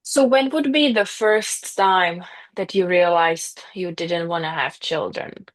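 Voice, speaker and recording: A woman's voice: lowish voice, slow. A woman hosting an interview podcast, asking brief, polite questions. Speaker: podcast host.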